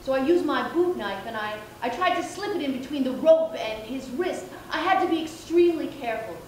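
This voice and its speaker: An actress playing a female police officer, recounting a scene in a steady, careful way. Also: high-pitched, fairly quick. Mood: grave. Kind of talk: theatre monologue. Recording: echoey stage, faint hiss.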